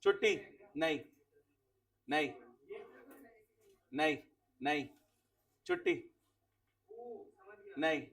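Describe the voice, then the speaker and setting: A man's voice: on the high side, drawn-out words, long pauses, fairly bright tone, far from the mic. A man teaching accounts to a class of students, quizzing them, repeating key words and sending off those who answer right.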